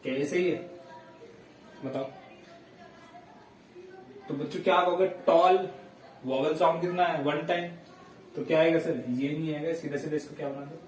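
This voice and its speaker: A male teacher giving a grammar lesson, explaining step by step, checking in with his students and dictating example sentences slowly word by word. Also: on the high side, fairly even intonation, darkish tone, a little hiss or hum. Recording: echoey room, voice heard from a distance.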